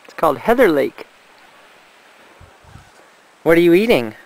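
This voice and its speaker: A man's voice: on the high side, very animated, unhurried, creaky. A young father in casual talk with his small child, asking simple questions and echoing the child's words back. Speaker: father playing with his toddler.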